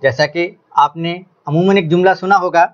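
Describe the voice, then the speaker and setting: A man's voice: a little high, fairly even intonation, normal speed, highs cut off. A man teaching an Urdu grammar lesson to students, addressing them formally and stressing his examples in a raised voice. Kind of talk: classroom lesson.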